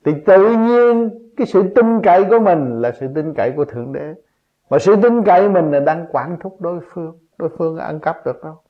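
A man giving a spontaneous religious teaching, emphatic and full of rhetorical questions, his voice jumping up on key points. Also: high voice. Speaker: spiritual teacher. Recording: dull lo-fi recording.

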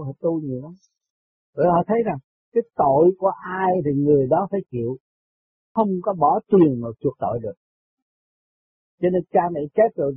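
Husky man on phone line. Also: a little high. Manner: repeats words while searching, chuckles between points. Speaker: spiritual teacher. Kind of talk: rambling spiritual talk. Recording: tinny phone-like radio line, dry.

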